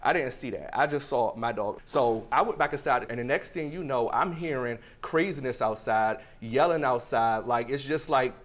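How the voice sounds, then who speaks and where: A man's voice: medium pitch, moderate pace, few pauses. A man speaking as defendant on a TV court show, defending himself in a casual, defensive way. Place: TV courtroom set.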